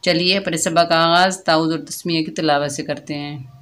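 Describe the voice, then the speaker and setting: A woman's voice: low-pitched, fairly even intonation, moderate pace, fairly bright tone. A woman teaching Quran recitation, patiently explaining each letter step by step.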